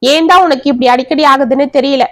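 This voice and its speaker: A woman's voice: high voice, quick pace, close to an everyday voice. A woman voicing a blunt male friend who speaks harshly and with suspicion. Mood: accusing. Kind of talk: storybook narration.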